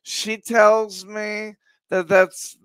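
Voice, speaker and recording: A man talking as a guest on a chat show, excitable and rambling. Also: high voice, extremely slow, clear, resonant tone, dry recording. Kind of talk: casual chat.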